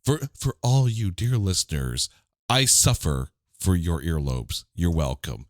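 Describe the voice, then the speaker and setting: A congested, under-the-weather podcast host with a stuffy, slightly nasal voice runs a casual music show, joking with listeners in mock-dramatic asides. His voice is low-pitched and animated, at a measured pace, in a dry, studio-quality recording.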